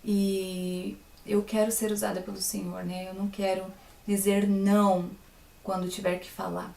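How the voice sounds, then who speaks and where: A woman's voice: mid-range voice, level tone, a little slow, creaky, dark tone. A young woman with a Brazilian accent giving a personal faith testimony, chatting to her listeners with frequent little asides. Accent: Brazilian Portuguese. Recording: roomy sound, voice from a distance.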